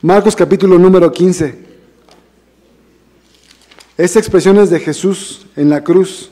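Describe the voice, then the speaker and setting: High, mellow-voiced preacher. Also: male voice, unhurried, in a large hall. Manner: conversational, addresses congregation as brothers, asks rhetorical questions. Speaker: minister preaching. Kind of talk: sermon. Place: church hall.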